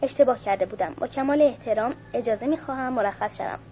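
A woman's voice: fairly high pitch, warm tone, close to an everyday voice. A woman reading a stiff English officer. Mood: formal. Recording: muffled with faint hiss.

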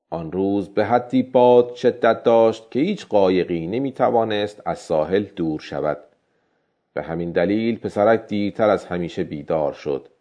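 A man reading a story aloud as an audiobook narrator in a measured, expressive way. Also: on the low side, highs cut off.

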